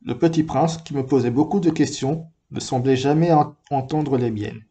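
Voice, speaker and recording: A man reading a book aloud in a calm, measured first-person narration. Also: mid-range voice. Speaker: reader.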